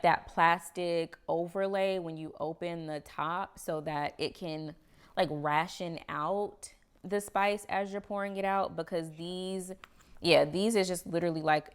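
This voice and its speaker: A young woman reviews home products in a relaxed, chatty way, calling her viewers "girl" and "y'all". She sounds slightly out of breath, and her voice is low and smooth with some vocal fry at the ends of phrases. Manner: chatty, says "y'all" and "girl", laughs often. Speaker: home vlogger. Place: home kitchen indoors.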